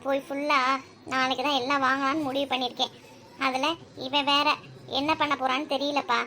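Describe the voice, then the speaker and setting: A woman voicing a harried middle-aged cartoon mother grumbles in a high, bright voice. Her talk is a steady stream of complaints and scolding. A light hiss runs underneath. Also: fairly quick. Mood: grumbling.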